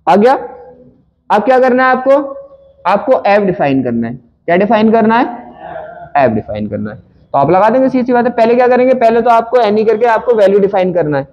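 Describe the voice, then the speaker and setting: A man's voice: high-pitched, big pitch swings, fairly quick, darkish tone, muffled recording. A male physics teacher working through a numerical problem in a conversational way, asking students questions and answering them himself.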